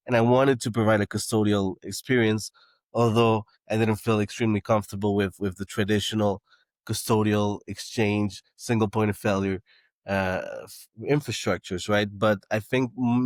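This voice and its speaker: A startup founder raised in Canada speaks as a podcast guest in a fairly low voice. The talk is casual, interview style, marked by lots of restarts and fillers, and captured at studio quality with no room sound.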